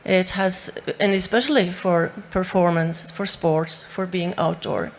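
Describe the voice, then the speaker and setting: A woman's voice: fairly low pitch, fairly even intonation, unhurried. A woman from Norway, a native Norwegian speaker, talking on a panel with many fillers and restarts. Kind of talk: panel discussion.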